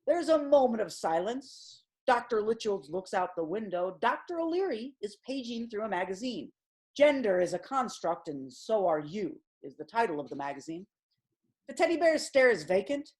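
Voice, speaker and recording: A woman narrating a comic audio play in a deadpan, measured way. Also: medium pitch. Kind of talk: scripted narration.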